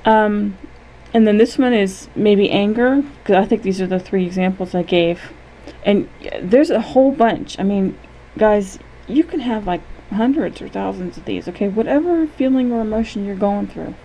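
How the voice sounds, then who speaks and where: Mellow-voiced woman guiding an imagery lesson. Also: mid-range voice, highs cut off, slight background noise. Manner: gentle, unhurried, checks in often with "okay?".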